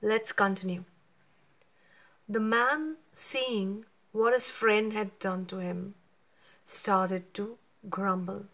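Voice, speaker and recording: A woman teacher reading a story aloud for an English lesson, deliberate and explanatory. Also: mid-range voice, a bit bright.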